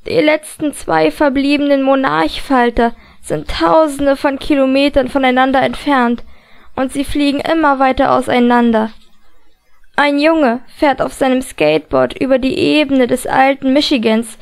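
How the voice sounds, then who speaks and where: A woman voicing a cryptic young male telepath in an audiobook, speaking slowly in detached riddles. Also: high-pitched, fairly even intonation, vocal fry. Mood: dreamy. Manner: slow, detached, riddling speech. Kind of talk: audiobook character voice.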